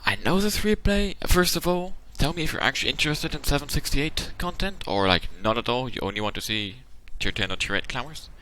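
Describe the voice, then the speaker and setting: A man with a medium-pitched voice talks fairly quickly with few pauses, sounding animated, bright and forceful. Hosting his channel, he provides casual tactical commentary on a game replay, explaining the options at length and thinking aloud, while his voice sounds tired and worn out.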